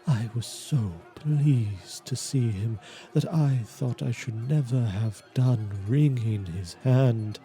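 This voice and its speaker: A man reading a gothic horror tale in a measured, deliberate dramatic narration, at times dropping to a near whisper. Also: mid-range voice, warm tone. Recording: music behind the voice. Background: music.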